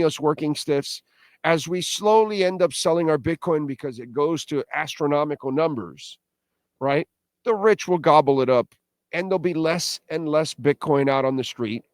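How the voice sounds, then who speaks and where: A man's voice: a little high, no room sound. A man hosting a crypto show in a casual, opinionated monologue, speaking emphatically with rhetorical questions, repetition and blunt, self-deprecating slang.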